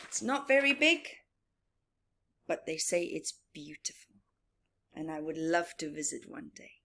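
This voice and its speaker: This woman has a low voice with a sharp edge, and she is very animated yet unhurried. Presenting a children's read-aloud, she uses a singsong delivery, repeats words, and asks her young audience questions that she then answers.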